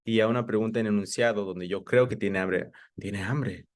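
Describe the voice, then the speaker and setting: Low-voiced man teaching an English class. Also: fairly even intonation, smooth. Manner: patient, explains slowly, repeats examples and quizzes students by name.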